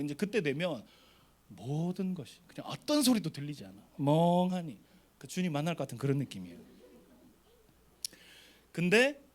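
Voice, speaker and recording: A man's voice: fairly high pitch, vocal fry. A middle-aged man, a pastor, telling a story in a sermon to a youth retreat and acting out the voices.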